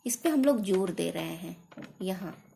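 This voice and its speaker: A woman teacher giving a grammar lesson, explaining slowly and repeating definitions, sometimes correcting herself. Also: fairly low pitch, lively intonation, creaky, mellow. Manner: slow, deliberate explanation with repetition; corrects herself mid-sentence.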